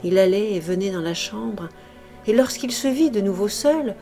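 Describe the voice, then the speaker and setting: Woman reading a classic novel aloud, measured and dramatic, music playing under her voice. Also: mid-range voice, animated, mellow. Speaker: audiobook reader. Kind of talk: expressive audiobook narration of a classic novel.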